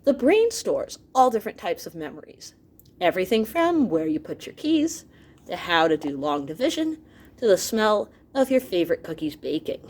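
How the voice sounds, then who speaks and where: A woman with a medium-pitched voice reads an educational book aloud to students as their teacher, at a moderate pace. She's animated and expressive, addressing her listeners directly with asides and exclamations.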